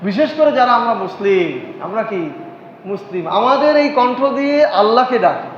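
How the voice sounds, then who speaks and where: High-voiced preacher in echoey hall. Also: male voice, animated. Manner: repeats key phrases, asks the audience rhetorical questions; recites Arabic verses and hadith in a slow chant. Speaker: Islamic preacher. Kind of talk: sermon. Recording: echoey hall, dull lo-fi sound, faint noise.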